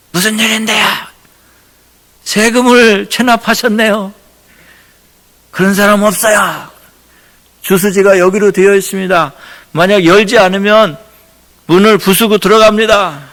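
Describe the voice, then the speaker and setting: A man preaches a Sunday sermon with a bright, high-set voice that often drops into a gravelly rasp. He tells stories earnestly and acts out the people in them. His voice rings out into a long church reverb. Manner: earnest preaching, animated storytelling with lively acted quotes. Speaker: pastor. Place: church sanctuary.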